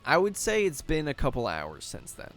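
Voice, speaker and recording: Gravelly-voiced man running a tabletop game. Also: on the high side, wildly swooping pitch, moderate pace, fairly bright tone, faint music behind. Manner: loose narration with many fillers. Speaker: game master.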